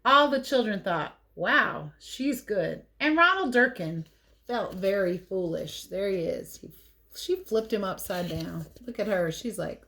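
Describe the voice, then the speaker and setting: With a mid-range, expressive voice that carries vocal fry and a sharp tone, a woman teacher reads a picture book to children at a measured pace. She tells it with expression and slips in playful, chatty asides about the pictures, making for animated read-aloud storytelling.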